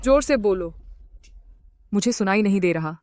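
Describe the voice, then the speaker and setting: An actress dubbing a vengeful wife back from an asylum, cold and commanding. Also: female voice, mid-range voice, animated, moderate pace, a little mellow, no echo, clean studio sound, close to an everyday voice. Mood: angry. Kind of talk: Hindi dub of a drama.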